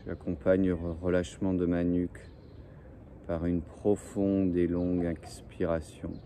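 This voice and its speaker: A man leading a guided breathing and relaxation meditation in slow, soothing, repetitive phrases, like a relaxation guide. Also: low-pitched, level tone, dark tone. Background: faint birdsong and ambient noise.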